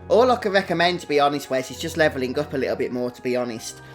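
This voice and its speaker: Soft music plays behind a rapid-fire male voice, pitched on the high side with lively intonation. He's a British game streamer keeping up chatty live commentary and greeting viewers by name.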